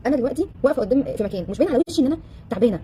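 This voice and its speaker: A woman with an Egyptian Arabic accent talks to a live audience at a breakneck pace in a slightly high, mellow voice. She is an animated relationship coach who fires off rhetorical questions and slips into the voices of the people she quotes. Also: racing, a little hiss or hum. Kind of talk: casual talk to a live audience.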